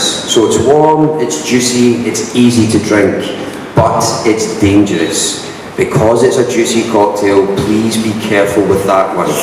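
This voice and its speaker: A man with a broad Scottish accent giving an informal, self-deprecating promotional speech as the host of a live event. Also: lowish voice. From Scotland. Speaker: whisky brand ambassador, event host. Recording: echoey hall, distant mic, noisy room.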